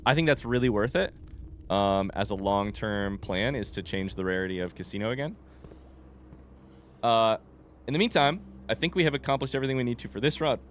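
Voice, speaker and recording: A man with a fairly low, expressive voice talks a little fast over a faint hiss or hum. He's a video game streamer playing blind, rambling informally through casual commentary with some mild swearing. His voice sounds a bit under the weather from being sick.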